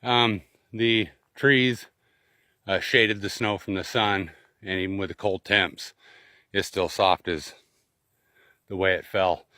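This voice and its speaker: A man's voice: low-pitched, steady tone, takes it slowly, pauses often, pushed and bright, no room sound, clean studio sound. A man narrating a casual outdoor vlog in short bursts while trudging through snow on snowshoes, winded from the effort. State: winded from exertion. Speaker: outdoor vlogger. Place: outdoors in snowy woods and fields.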